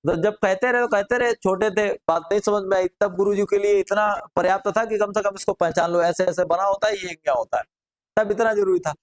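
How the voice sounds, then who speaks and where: A man in middle age with a notably high-pitched voice leads a grammar lesson. He keeps the class engaged by asking them questions and answering them himself. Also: steady tone, brisk. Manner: drills students with rhetorical questions. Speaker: teacher.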